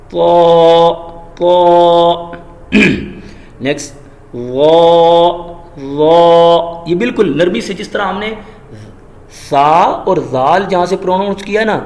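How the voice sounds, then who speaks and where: Man teaching letter sounds, roomy echo. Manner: demonstrates letter sounds slowly and loudly, then explains in a lower voice. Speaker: Quran recitation teacher. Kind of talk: tajweed pronunciation lesson.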